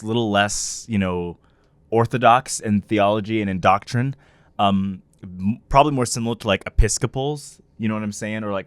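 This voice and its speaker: Loud, animated male podcast host. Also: on the low side, clear, resonant tone, no room sound. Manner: loud, animated, laughs often, many fillers. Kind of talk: casual podcast chat.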